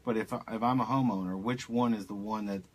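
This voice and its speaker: A man's voice: fairly low pitch, steady tone, fairly quick, slightly rough. A man hosting a garden radio show who asks his guest chatty questions in a casual way.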